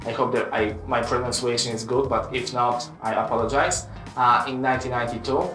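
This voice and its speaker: A man in his late twenties from Poland tells his own story in accented English, earnest and full of little "uh" pauses. He sits back from the mic, so his voice sounds distant and bounces around the room. Soft music plays faintly underneath. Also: medium pitch, fairly even intonation. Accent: Polish. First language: Polish. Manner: earnest, with frequent "uh" fillers. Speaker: web developer and channel host. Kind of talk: personal story vlog. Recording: roomy echo from a distance with music.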